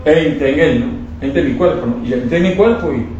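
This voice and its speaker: A fervent man tells a religious testimony with feeling, circling back over his words and restarting his phrases. His voice sits a little high for a man. It carries from well away from the microphone across a very echoey room, with a faint hiss underneath. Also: fairly quick, darkish tone, dull audio. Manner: fervent, repetitive, stumbling restarts. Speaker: testimony speaker. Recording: echoey room, distant mic, faint noise.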